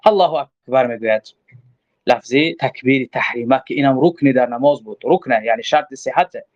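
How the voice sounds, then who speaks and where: A man with a Tajik accent teaches from a religious text, quoting Arabic phrases and explaining them, often asking himself questions before answering. His voice is mid-range, and the recording is dull and lo-fi.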